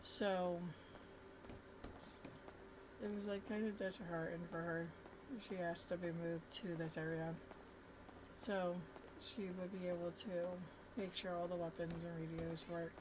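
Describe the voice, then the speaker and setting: Woman game streamer, slightly low pitch, informal rambling storytelling, noticeably noisy recording. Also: little pitch movement, measured pace, long pauses. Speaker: game streamer narrating roleplay character's story. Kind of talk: casual gameplay storytelling.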